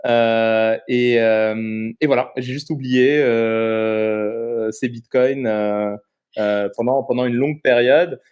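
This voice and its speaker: A man in his thirties, originally from Morocco, talks as an interview guest at an ordinary middle pitch. He explains at length in a relaxed, conversational way, stopping often to find his words. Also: smooth. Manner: explanatory, halting with frequent pauses. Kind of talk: casual interview chat.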